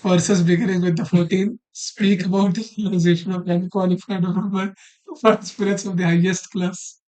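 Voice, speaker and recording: Male study participant, clearly high-pitched voice, curious and questioning, casual discussion register. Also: flat delivery, normal speed, darkish tone, poor audio. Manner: inquisitive. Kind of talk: casual discussion, questioning and reading translation aloud.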